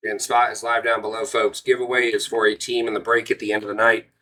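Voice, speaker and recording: A man's voice: on the low side, little pitch movement, fast, pushed and bright, low-quality recording. A man hosting a live card break, giving casual auction sales patter to viewers.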